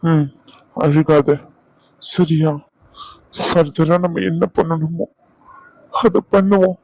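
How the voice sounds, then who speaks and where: Slow and steady in tone, this husband vlogger's voice is on the high side yet darkish. In an emotional couple vlog he keeps pleading with his wife and comforting her, repeating himself. The dull lo-fi recording has no room sound.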